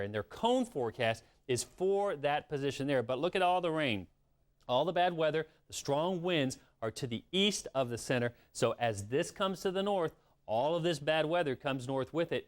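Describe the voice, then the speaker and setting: Guy doing live tv weather, slightly high voice, explains stuff with emphasis. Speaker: TV weather forecaster.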